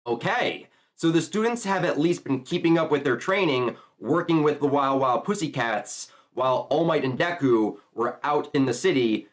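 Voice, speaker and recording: Male YouTuber, enthusiastic casual reaction commentary, mid-pitched and animated. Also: moderate pace, hardly any pauses. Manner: enthusiastic, chatty. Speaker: YouTuber reacting to a manga chapter.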